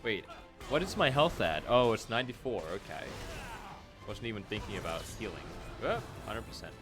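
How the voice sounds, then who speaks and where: A man's voice: fairly low pitch, animated, moderate pace. A man chatting casually on a live stream while he plays a game, joking and laughing at his own jokes and scolding his pet, with faint game music behind.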